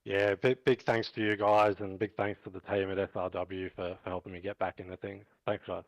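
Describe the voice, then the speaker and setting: A man in his forties giving a measured, thankful post-race interview as a driver. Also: low voice, flat delivery, no room sound, rough recording. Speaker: sim racing driver.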